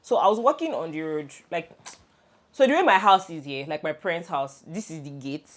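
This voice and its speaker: Brisk and low-voiced, this young Nigerian woman co-hosts a relaxed podcast, swapping stories with her best friend. She's animated, laughs a lot, and restarts many times as she goes.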